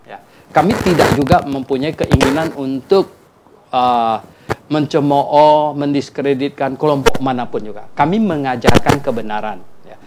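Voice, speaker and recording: A man speaking as a pastor and guest on a church talk show, animated and acting out quoted dialogue, with frequent tag words. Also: mid-range voice, moderate pace, very noisy.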